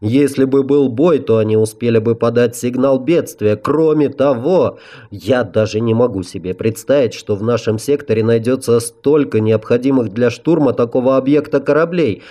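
A man's voice: medium pitch, moderate pace, dark tone, lightly acted. Man voicing a nervous, excuse-making service chief. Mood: defensive. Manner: anxious, defensive explaining. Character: head of sanitary service, man, nervously justifying himself.

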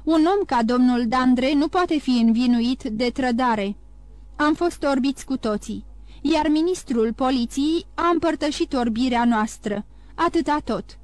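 A woman playing a calm loyal courtier. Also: sits high, dry recording, close to an everyday voice. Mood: reassuring.

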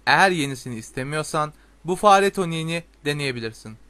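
A man reading a storybook voices a brisk middle-aged female shopkeeper witch, curt and matter-of-fact. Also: a little high, animated, pushed and bright, no room sound.

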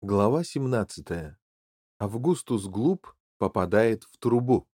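Field: story. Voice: expressive man narrating. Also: fairly low pitch, dry recording, clean studio sound. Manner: expressive, measured. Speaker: audiobook narrator.

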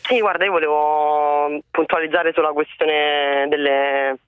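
A woman's voice: low-pitched, steady tone, measured pace, clear, resonant tone, dry recording. Blunt young woman over the phone. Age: 20s. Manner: frank and blunt. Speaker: radio caller. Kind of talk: call-in radio talk. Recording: narrow phone line.

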